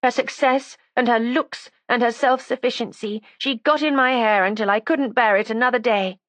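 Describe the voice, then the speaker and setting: A woman's voice: a little high, fairly even intonation, normal speed, fairly bright tone, no echo, voice pushed up, lightly acted. A woman playing a defiant, sarcastic young woman. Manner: sarcastic, combative. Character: defiant resentful young woman making a false confession. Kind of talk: audiobook character voice.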